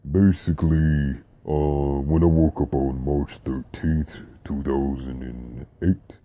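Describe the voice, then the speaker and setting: This young vlogger's voice sits extremely low, and he speaks slowly as he rambles to his viewers about deep voices. He stays relaxed, dropping slang and fillers throughout. The audio has a dull, lo-fi quality.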